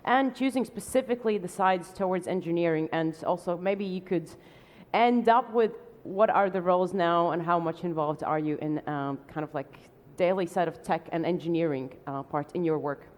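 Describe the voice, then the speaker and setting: A woman moderating a tech panel, introducing guests with many fillers and a friendly, halting way of speaking. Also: on the low side. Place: conference stage. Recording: long hall reverb.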